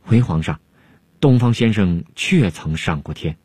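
A man voicing an anxious, timid male court alchemist, fretful and pleading, his voice jumping high in alarm. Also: animated, measured pace, mellow, husky, dry recording, studio quality, exaggerated voice.

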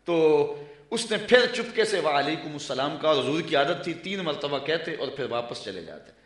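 A man preaching a sermon, telling stories and drawing out Arabic quotations slowly before explaining them. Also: a little high, very animated, roomy sound. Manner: slow chanted Arabic phrases between storytelling. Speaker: Islamic preacher.

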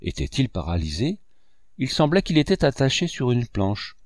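A man narrating a classic novel in a measured storytelling manner. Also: medium pitch, sing-song, a little mellow, no echo, studio quality. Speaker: audiobook narrator.

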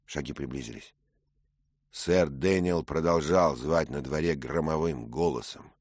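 A man narrating a story in a measured, dramatic way. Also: rumbling low, no echo, clean studio sound. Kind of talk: scripted narration.

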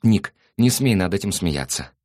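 A man's voice: animated, normal speed, a little mellow, no room sound, studio quality. A man voicing an impulsive, easily hurt young woman in an audiobook, lifting his voice into a pleading, emotional tone. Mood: stubborn. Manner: raised pitch, pleading and emotional.

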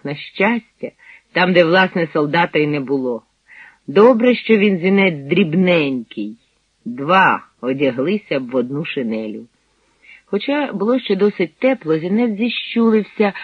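A man narrating a war story as an audiobook, in an expressive storytelling manner. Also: on the high side, breathy edge, no echo, narrow, tinny audio.

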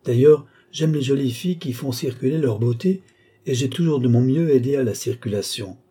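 A man reading aloud plays a worldly old duke who teases and quietly threatens. The voice is very dark and mellow with a husky grain, in an audiobook telling. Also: medium pitch, moderate pace, voice pushed up, lightly acted. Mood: sly, teasing. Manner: mocking, knowing, lightly threatening. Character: old duke and marshal, sly, teasing, worldly.

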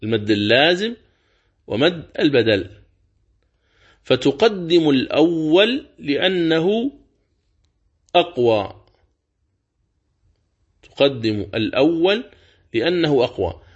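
A man teaching the rules of Quran recitation in a religious lesson, speaking slowly and deliberately and repeating key words. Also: fairly high pitch, sing-song, slightly rough, dull audio.

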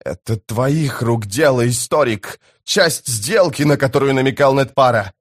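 A man playing a scheming priest from an audiobook. He speaks slowly and slyly, and he hisses his accusations. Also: medium pitch, close to an everyday voice. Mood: accusing. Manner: hissing, drawn-out accusations. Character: scheming sly male priest.

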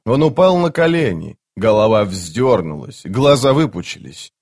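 A man narrating a fantasy audiobook in a measured, steady way. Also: fairly low pitch.

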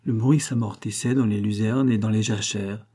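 Mellow, husky male audiobook narrator. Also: lowish voice. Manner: measured, expressive narration. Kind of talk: dramatic audiobook reading.

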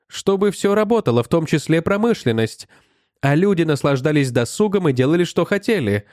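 A man voicing an old, rusty male robot that was just brought back to life, speaking in a steady, explaining way. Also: on the high side, no room sound, studio quality, natural voice. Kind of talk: audiobook narration.

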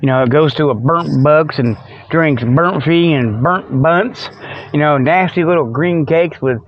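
A middle-aged American podcast host delivers a folksy, colloquial, rambling comedic monologue as casual chat. His voice is on the high side and his pace measured, and the recording sounds dry and slightly dull, like lo-fi.

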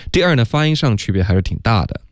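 A man's voice: mid-range voice, very animated, quick pace, no room sound, clean studio sound. A man teaching English pronunciation on a radio lesson, explaining step by step and saying "OK" often. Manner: patient, step-by-step, frequent "OK" and "嗯". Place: radio studio.

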